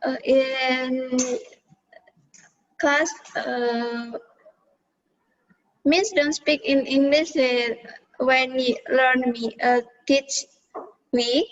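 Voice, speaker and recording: A woman student answers her teacher in halting English, full of pauses and fillers. Her voice is high and she speaks very slowly. The sound is dull and lo-fi, like a video call. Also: steady tone. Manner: hesitant, many pauses and fillers.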